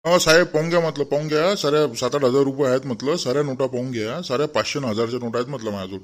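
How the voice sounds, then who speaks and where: A man's voice: medium pitch, rapid-fire, close to an everyday voice. A man voicing a fussy, self-righteous village man in a cartoon, with a Vidarbha Marathi accent, rambling and grumbling to himself. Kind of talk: cartoon voice acting.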